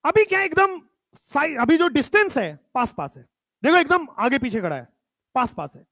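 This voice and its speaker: A man teaching chemistry in a lecture, stressing key terms and repeating them, his voice dropping low whenever he states a definition. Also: sing-song, moderate pace, bright, forceful tone, no room sound. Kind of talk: classroom lecture.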